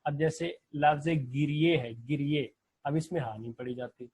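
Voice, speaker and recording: A man's voice: on the high side, darkish tone, husky, no room sound. Patient man teaching a language class. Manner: patient, explains step by step, repeats examples slowly. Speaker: Farsi teacher. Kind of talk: online class lecture.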